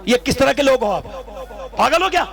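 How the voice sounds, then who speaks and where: A male preacher delivers an impassioned sermon to a large gathering. His voice sits very high and carries a rough, gravelly fry. He pleads, scolds and at times rises into shouts. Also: expressive, soft background music. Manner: fervent, rising to shouts, scolds the crowd.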